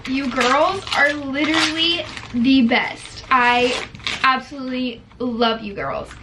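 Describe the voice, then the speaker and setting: A nineteen-year-old woman with a high voice speaks slowly in an emotional unboxing vlog, teary and on the verge of crying as she opens gifts. She gushes, saying "like" and "literally" constantly, captured on a distant mic with loud background noise.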